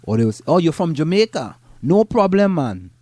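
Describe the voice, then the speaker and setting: After reading a news piece aloud, a middle-aged Trinidadian podcast co-host from Trinidad and Tobago slides into casual chat, stumbling and repeating words often. His dark, mellow voice is a little high and sing-song, a little fast, in a dry recording with almost no room sound.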